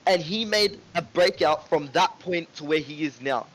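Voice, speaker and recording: A man co-hosting a casual podcast, talking in an animated way, swearing and often asking "right?" and "you know what I mean?". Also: a little high, moderate pace, poor audio. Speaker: podcast co-host. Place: home room with ring light.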